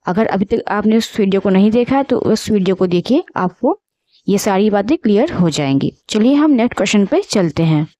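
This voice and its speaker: A woman teaching an exam-prep lesson, reading options slowly and repeating each answer. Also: medium pitch, lively intonation, dark tone, no room sound. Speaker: music exam tutor.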